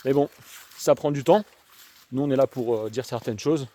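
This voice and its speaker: Out walking in the countryside, a young vlogger and schoolteacher with an Alsatian accent gives a casual, rambling, slangy monologue to his viewers. His voice is medium-pitched, mellow and moderately paced; a handheld camera picks it up along with faint outdoor noise and rain.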